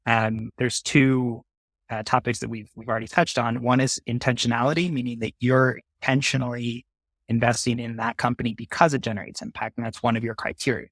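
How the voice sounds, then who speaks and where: A man guest in an interview explains things methodically, step by step, with frequent "uh" fillers. His voice sits at a mid pitch, recorded dry and close. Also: little pitch movement, a little fast, dry recording. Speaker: fund manager guest. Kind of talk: interview conversation.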